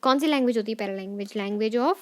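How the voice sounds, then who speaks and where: A woman teacher, going over exam questions in Hindi mixed with English, repeating each point and dictating definitions slowly. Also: fairly high pitch, a little mellow. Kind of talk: exam revision lesson.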